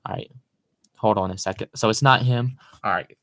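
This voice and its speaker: A young man from Maryland streaming live from a room at home, talking fast and rambling excitably in casual chat into a computer microphone. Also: on the low side, very noisy.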